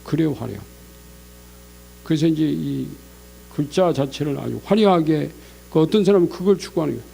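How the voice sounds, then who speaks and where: A male pastor preaching a Sunday sermon in a lively way, breaking into God's scolding voice and chuckling between points. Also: fairly high pitch, moderate pace, creaky, pauses often, faint music behind. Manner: animated, acts out God's scolding voice. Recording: mains hum in the background.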